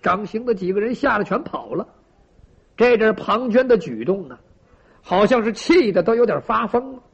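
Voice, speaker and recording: A man's voice: high-pitched, expressive, normal speed, gravelly, breathy edge. A man telling a traditional story dramatically, with sound effects and asides to listeners, in a lo-fi recording. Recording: lo-fi dull recording.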